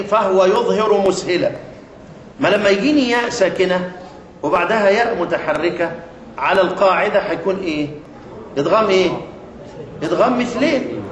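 A man's voice: high voice, lo-fi sound. A man with an Egyptian accent teaching a class on recitation rules, often asking the class questions and repeating key words. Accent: Egyptian Arabic. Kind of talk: classroom lesson explaining a poem on tajweed rules. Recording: echoey room with faint noise.

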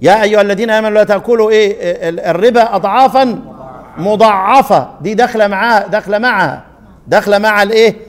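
Egyptian guy teaching recitation, high voice, long echo, keeps asking the class to fill in words. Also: fast. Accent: Egyptian Arabic. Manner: quizzes pupils with fill-in questions. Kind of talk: classroom lesson with chanted verses.

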